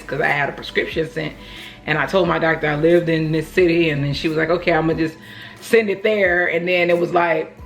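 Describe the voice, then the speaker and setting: A woman from Oakland, California with an American accent, chatting casually as she tells a rambling personal story and acts out what people said. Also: fairly low pitch. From Oakland, California, United States. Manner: rambling, conversational, acts out reported dialogue. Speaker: vlogger telling a personal story. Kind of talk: casual storytime chat to camera.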